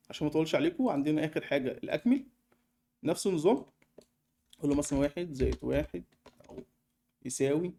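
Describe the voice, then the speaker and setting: A young Egyptian man talks through a software tutorial at a breakneck pace, chatty and full of fillers. His voice sits a little high yet sounds dark and mellow. Keyboard typing clicks in the background. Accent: Egyptian Arabic. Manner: fast, chatty explaining with many fillers. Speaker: online course tutor. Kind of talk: screen-recorded software tutorial.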